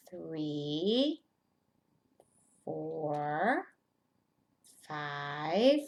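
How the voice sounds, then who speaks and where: A woman with a slightly low voice teaches a lesson for young children at a very slow pace. Her pitch moves up and down in a lively way. She uses simple, deliberate phrases and asks the learners questions as she goes. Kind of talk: children's math lesson, step-by-step instruction.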